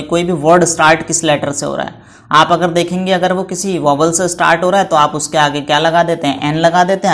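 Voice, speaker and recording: With a fairly high-pitched voice, a man patiently teaches English to children in classroom style. He poses questions and answers them himself, spells words out letter by letter, and affectionately calls the students "beta."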